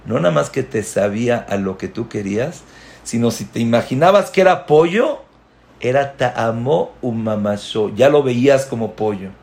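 A man's voice: mid-range voice, lively intonation, normal speed, creaky, darkish tone. A man teaching a religious class, lecturing with rhetorical questions and emphatic repetition. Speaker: Torah teacher.

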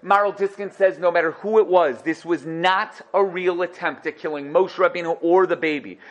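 A man with teaching a religious class as a rabbi, emphatic and animated, repeating phrases and posing rhetorical questions. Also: sits high, normal speed, highs cut off. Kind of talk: animated religious lecture with Hebrew terms.

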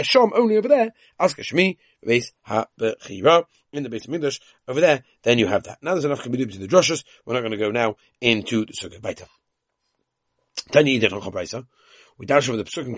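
Quick, husky-voiced man teaching Talmud. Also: medium pitch, no room sound, studio quality. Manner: conversational, with asides and repeated words. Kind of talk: daily Talmud lesson.

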